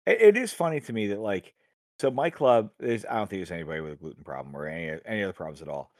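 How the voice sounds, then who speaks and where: A man chatting casually on a podcast, telling animated stories and acting out the voices in them. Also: lowish voice, fast talker, no echo, clean studio sound. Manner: animated storyteller, acts out voices in anecdotes. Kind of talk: casual chat.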